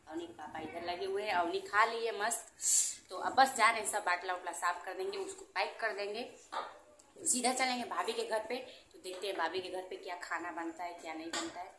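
A young woman talking casually to her viewers in a daily home vlog, showing her rooms on a phone camera. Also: medium pitch. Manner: chatty, talks straight to viewers while showing her home. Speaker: vlogger. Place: emptied rented room at home, echoing. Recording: echoey empty room, noisy phone audio.

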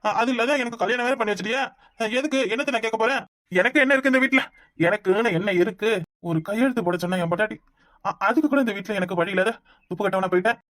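Cartoon: man doing a resentful drunk village son, fast rant, Kanyakumari Tamil accent. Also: sits high, fairly bright tone, no echo, clean studio sound. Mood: aggrieved. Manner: complaining, self-pitying rant. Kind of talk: cartoon voice acting.

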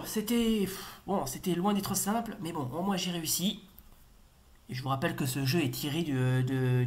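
A man casually commenting while he plays a retro video game, rambling with many fillers and repeated exclamations. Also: a little high.

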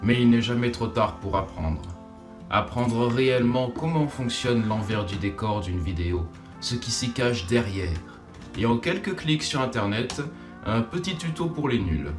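A man's voice: medium pitch, lively intonation, unhurried. A young man from France giving scripted, self-deprecating narration for his own short film. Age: young adult. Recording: roomy, distant voice-over under music.

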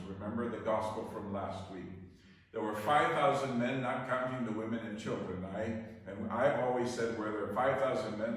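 A man giving a Sunday homily as a priest, in a conversational, folksy way with pauses. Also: lowish voice. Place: church. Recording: echoey church, voice from far off.

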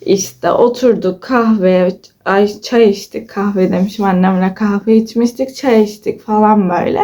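A woman's voice: mid-range voice, steady tone, a little slow, warm tone. A woman in her twenties chatting to her followers in a casual vlog, telling stories and acting out what people said, with giggles. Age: 20s. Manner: chatty storyteller, acts out quoted dialogue with giggles. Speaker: vlogger.

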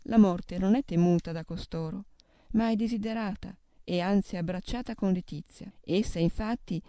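A woman reading devotional meditations aloud in a solemn, steady way, naming scripture references as she goes. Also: mid-range voice, normal speed, dry recording. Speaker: reader of devotional texts.

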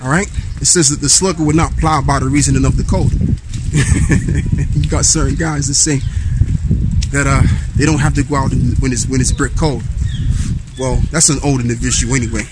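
The recording is very noisy as a man in his thirties, a street-preaching vlogger, strolls through a wooded park holding his camera at arm's length. In a steady, mid-range voice at a moderate pace, he reads verses aloud and preaches conversationally, using plenty of fillers.

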